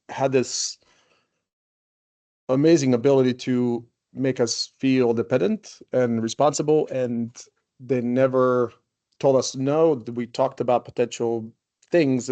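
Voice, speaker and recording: A man's voice: medium pitch, dark tone. Man, forties, interview guest, rambling, frequent fillers and restarts. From Croatia. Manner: loose and rambling, leaning on "you know" and restarts. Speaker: guest, company CEO. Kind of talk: casual interview talk.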